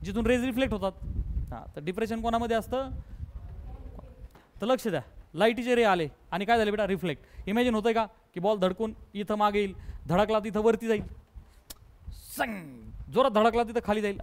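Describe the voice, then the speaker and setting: A man teaching physics to students, mixing in English terms and quizzing them with rapid, repeated questions and playful everyday examples. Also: sits high. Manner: mixes English terms into his talk. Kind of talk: classroom lesson.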